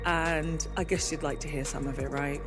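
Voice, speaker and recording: A woman's voice: sits low, fairly even intonation, normal speed, roomy sound, music in the background. A woman from England earnestly telling a personal spiritual story in a casual vlog. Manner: earnest, confessional. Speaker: spiritual vlogger.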